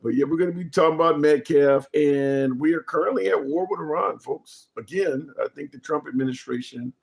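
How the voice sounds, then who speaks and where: A man's voice: fairly high pitch, a little fast, creaky. A man hosting a casual live political commentary stream, speaking bluntly and informally, with some swearing and repeated phrases for emphasis.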